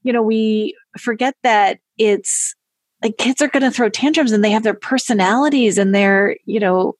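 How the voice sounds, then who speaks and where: A woman talking casually as a podcast guest, animated and chatty, often laughing as she gives parenting advice. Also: a little high, normal speed, no echo. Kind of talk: casual conversation.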